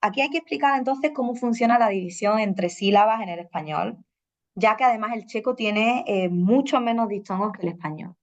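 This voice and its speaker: A woman's voice: mid-range voice, fairly quick. A woman giving a talk as a language teacher, explaining at an easy pace with many "eh" fillers and questioning "¿no?" tags. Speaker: Spanish teacher presenting. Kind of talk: conference talk with slides. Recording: dull lo-fi recording.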